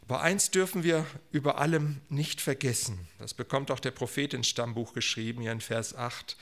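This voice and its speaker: A man preaching a sermon, swinging between loud proclamations and quiet, almost whispered asides. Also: mid-range voice, moderate pace.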